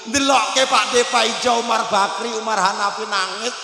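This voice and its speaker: A man's voice: sits high, steady tone, moderate pace, gravelly, bright, forceful tone. A man preaching a humorous sermon, joking, mixing languages and acting out quotes. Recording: echoey PA sound with long reverb.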